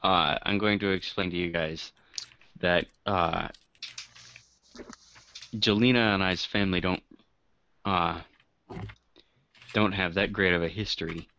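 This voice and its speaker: A man playing in a tabletop game who speaks haltingly, with lots of "uh". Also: deep voice, fairly even intonation, sharp tone. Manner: halting, filler-heavy. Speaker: player. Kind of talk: tabletop role-play. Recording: dull lo-fi recording.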